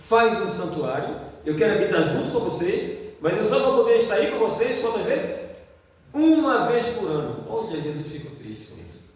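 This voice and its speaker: A man's voice: sits high, sing-song, moderate pace. A man, an evangelist preaching a sermon in a church, who keeps asking the congregation questions. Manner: asks the congregation questions again and again. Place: church hall. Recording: echoey hall, distant mic, faint noise.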